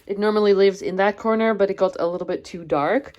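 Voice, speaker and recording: A woman's voice: mid-range voice, steady tone, quick pace, darkish tone, lo-fi sound. A woman from the Netherlands hosting a casual vlog house tour at home, slightly out of breath, chatty and self-deprecating with frequent laughs. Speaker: plant channel host. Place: at home indoors, walking between rooms.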